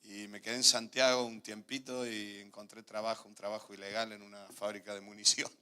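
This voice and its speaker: Argentine pastor with a bright voice. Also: male voice, on the low side, flat delivery, brisk, clean tone. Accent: Argentine Spanish. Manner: storytelling, laughs often, dips quiet then rises. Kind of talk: sermon with personal testimony.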